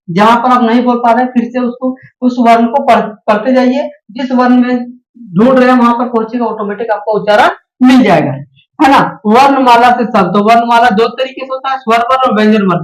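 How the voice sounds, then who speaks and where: A woman's voice: fairly high pitch, reverberant, poor audio. A woman teaching children the alphabet, patiently explaining and checking in with little questions as she goes. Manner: patient, repeats "है ना" and asks questions to pupils. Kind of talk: explaining Hindi alphabet lesson.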